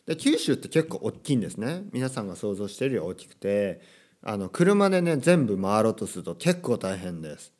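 Chatty low-voiced man hosting a podcast. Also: very animated, fairly quick, darkish tone. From Kyushu, Japan. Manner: chatty, self-deprecating, frequent filler asides and rhetorical questions. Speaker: podcast host. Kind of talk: casual solo podcast for Japanese learners.

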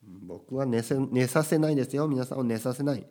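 With a medium-pitched, expressive and warm voice, this Japanese podcast host talks fairly quickly as he teaches Japanese. The solo show is casual and energetic, full of small tag questions.

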